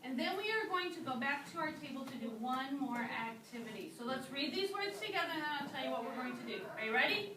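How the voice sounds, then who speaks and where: A woman teaching a kindergarten class, drawing out words slowly so young children can repeat them. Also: high voice, animated. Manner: slow, drawn-out modeling of words. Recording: echoey classroom from far off, noisy.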